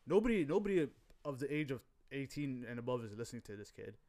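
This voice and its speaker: Fast-talking man, slangy podcast banter. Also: medium pitch, very animated, warm tone. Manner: slangy, emphatic, repeats himself. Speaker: podcast co-host. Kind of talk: casual banter and commentary.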